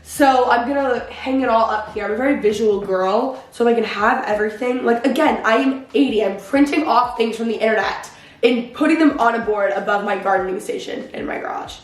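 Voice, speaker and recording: Young female vlogger, casual and self-mocking, somewhat high voice, roomy garage echo. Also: fairly quick. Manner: chatty, filler-heavy, self-mocking. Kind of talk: casual vlog chat. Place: home garage.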